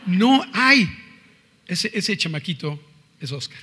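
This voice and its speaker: A man's voice: high voice, sing-song, takes it slowly, sharp tone, slight background noise. A middle-aged man with a Mexican accent giving an earnest, confessional religious testimony and quoting scripture. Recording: reverberant hall.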